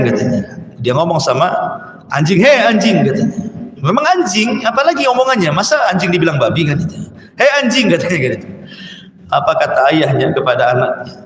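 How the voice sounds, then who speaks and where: Male preacher, high voice, animated storytelling sermon, long hall reverb.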